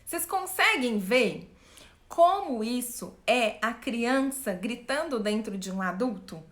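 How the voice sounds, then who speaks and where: Animated woman coach with a roomy echo. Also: fairly high pitch, slow pace. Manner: animated, asks the audience questions, acts out quotes. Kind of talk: live-stream talk to viewers.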